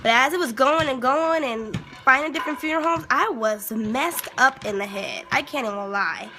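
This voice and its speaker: A young woman telling a personal story in a halting, emotional way, with many fillers and sudden exclamations. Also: high-pitched, over music. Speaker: grieving mother telling her story.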